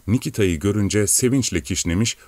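A man with a deep, low voice narrates an audiobook. His reading is steady and measured. The recording is dry and close. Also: no echo.

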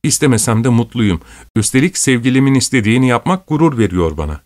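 A man's voice: medium pitch, animated, fast talker, dry recording, voice pushed up, natural voice. A man voicing a playful young woman in love, tender and a little sulky, in a storybook reading. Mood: tender, teasing. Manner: teasing and tender, softly sulky.

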